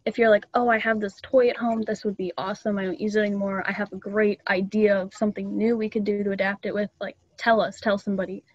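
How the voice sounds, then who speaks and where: A woman's voice: mid-range voice, flat delivery, fast talker, hardly any pauses, no room sound, highs cut off. A young woman casually explaining things to a club meeting, chatty and loose with ums and small laughs, over a video call. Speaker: student club presenter.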